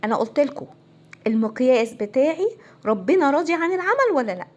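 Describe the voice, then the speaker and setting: A woman family counselor with an Egyptian Arabic accent, giving a casual, animated talk to viewers. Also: high-pitched, quick pace. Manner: animated, conversational, acts out quoted voices.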